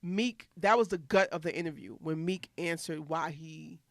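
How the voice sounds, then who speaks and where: A woman's voice: sits low, moderate pace, creaky, dry recording, clean studio sound. A woman co-hosting a podcast in casual chat, rambling and profane, drifting off on tangents. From studied in Philadelphia. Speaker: podcast co-host.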